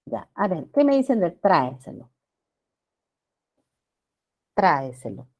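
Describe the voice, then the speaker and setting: A woman teacher giving a grammar lesson to students, often checking in with them and drawing out words slowly for emphasis. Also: medium pitch, very animated, creaky, mellow. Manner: addresses students with frequent checking questions.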